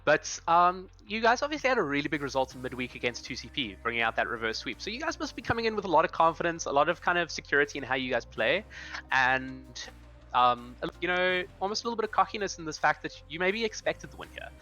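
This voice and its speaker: A man's voice: on the high side, very animated, fast talker, sharp tone, faint music behind. A man talking through the match as an esports analyst, thoughtful and rambling with lots of fillers. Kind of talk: esports analysis desk chat.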